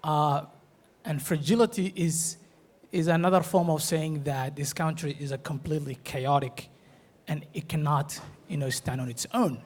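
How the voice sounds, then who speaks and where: Halting man from Somalia. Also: fairly high pitch, steady tone, darkish tone. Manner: hesitant, many fillers and restarts. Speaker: forum participant. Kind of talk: panel discussion remarks.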